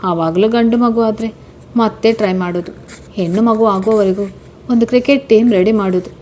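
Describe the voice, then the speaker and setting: A woman's voice: mid-range voice, normal speed, a little mellow, natural voice. A woman doing Vrushabh, a tender loving husband. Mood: teasing. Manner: soothing, earnest.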